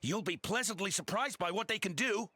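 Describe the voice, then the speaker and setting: A man voicing a smug game merchant with slow, theatrical villain menace. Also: high-pitched, lively intonation, sharp tone, husky, full character voice. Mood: smug, scheming. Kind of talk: scripted game character acting.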